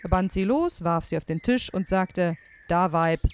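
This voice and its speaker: A woman's voice: lowish voice, moderate pace, slight background noise. A woman telling a fairy tale aloud to children, speaking to them directly. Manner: animated, addressing listeners directly. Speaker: storyteller.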